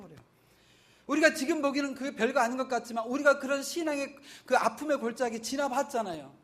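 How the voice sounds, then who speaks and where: A male pastor delivering a Sunday sermon in a notably high voice. He preaches emphatically, rising to loud peaks and then dropping to soft, trailing phrase endings. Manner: emphatic, swinging between loud surges and soft, drawn-out endings.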